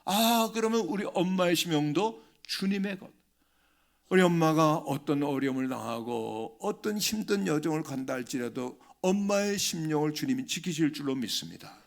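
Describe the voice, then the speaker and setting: Older male pastor preaching with emphatic swings. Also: vocal fry. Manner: emphatic preaching, leaps in pitch and loudness, acts out family dialogue. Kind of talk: sermon with personal story. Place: church sanctuary.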